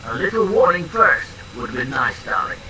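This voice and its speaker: A man's voice: a little high, big pitch swings, normal speed, pushed and bright, slight background noise, full character voice, poor audio. Synthetic male voice as a smug flirty sparring man. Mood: smug teasing. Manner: teasing, calls the listener love and darling. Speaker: AI chat character. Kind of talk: text-to-speech role-play narration.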